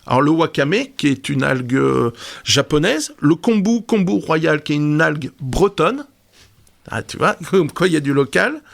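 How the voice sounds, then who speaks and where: Creaky-voiced man chatting on radio. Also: fairly high pitch, lively intonation, moderate pace. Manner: hesitant, explanatory, many fillers. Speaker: radio segment presenter on marine plants. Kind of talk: casual radio chat.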